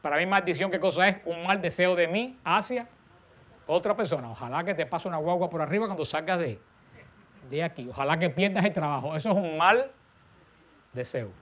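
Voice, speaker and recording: A man preaching a sermon, stressing key words and letting his voice fall soft and low at the ends of phrases. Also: expressive, a little fast.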